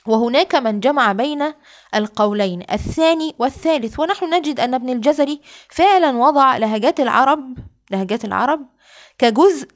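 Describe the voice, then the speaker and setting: A woman with an Egyptian accent giving a lecture on Quranic readings, moving between casual explanation and slow, drawn-out recited examples. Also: high-pitched, lively intonation. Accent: Egyptian Arabic. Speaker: Quran sciences teacher.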